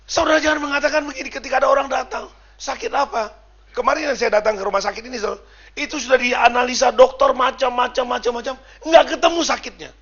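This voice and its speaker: A male preacher from Sumatra, animated, shouting for emphasis and acting out what people say. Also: extremely high pitch, fast talker, dull audio. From Sumatra, Indonesia. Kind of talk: sermon.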